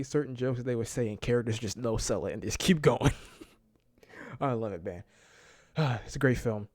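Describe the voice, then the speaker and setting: An excitable man talks through a movie review in a loose, rambling way, laughing often. His voice sits at an ordinary middle pitch, and the sound is close and dry with no room around it. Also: dry recording. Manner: filler-heavy, keeps saying "like" and "man". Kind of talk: casual movie review vlog.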